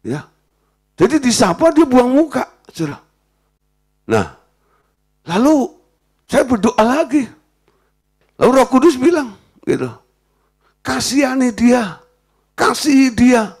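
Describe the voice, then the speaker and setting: A man delivers a sermon as a pastor, his pitch swinging widely from deep, quiet murmurs to raised, emphatic lines. He slips into the voices of the people in his stories while he teaches. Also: a little slow, long pauses, breathy edge. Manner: animated preaching, acts out quoted dialogue.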